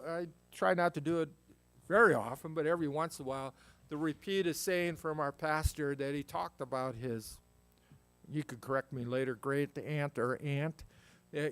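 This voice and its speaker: Folksy, higher-voiced man preaching. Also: clear, resonant tone. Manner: conversational and folksy, reads scripture then explains it. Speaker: pastor. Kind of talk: verse-by-verse Bible teaching.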